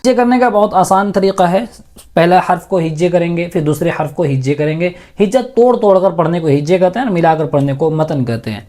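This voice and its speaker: A man teaching Quran reading, slowly spelling out letters syllable by syllable and then joining them. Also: sits high, mellow. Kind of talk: step-by-step reading lesson.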